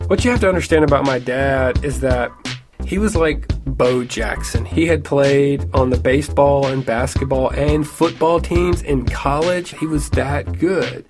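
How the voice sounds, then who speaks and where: Wry man telling a personal story. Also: medium pitch. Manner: conversational, wry, with frequent fillers.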